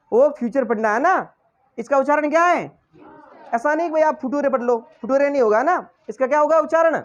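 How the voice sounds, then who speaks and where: A man's voice: very high-pitched, lo-fi sound, a little hiss or hum. A male teacher giving a lesson, quizzing the class with repeated questions and then answering them himself. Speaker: English teacher.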